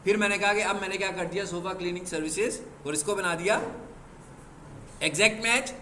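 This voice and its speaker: In an echoey classroom with faint background noise, a male teacher with a high voice lectures fairly quickly in a pushed, bright way. He poses rhetorical questions and answers them himself, and he's strict with students about discipline.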